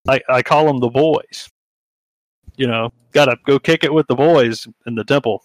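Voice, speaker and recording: A man's voice: mid-range voice, normal speed, no echo. A man playing a tabletop game in character, cocky and irreverent, cracking jokes. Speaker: player.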